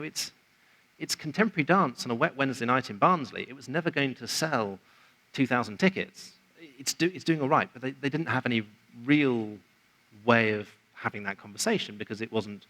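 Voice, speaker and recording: A man's voice: medium pitch, bright, forceful tone, low-quality recording. A man giving a conversational, explanatory presentation at a conference, acting out quoted remarks along the way. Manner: conversational, explanatory, quotes others in acted asides. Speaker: conference speaker. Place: conference venue.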